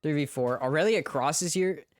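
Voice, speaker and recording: A man's voice: on the high side, normal speed, no room sound, studio quality. A man streaming a watch party, giving casual play-by-play commentary on an esports match and talking straight to his chat.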